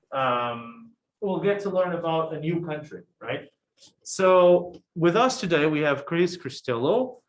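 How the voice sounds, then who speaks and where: A man's voice: fairly high pitch, slight background noise, poor audio. A man hosting a live online event, introducing the guest speaker in a casual, chatty way. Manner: casual, friendly, uses fillers. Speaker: event host.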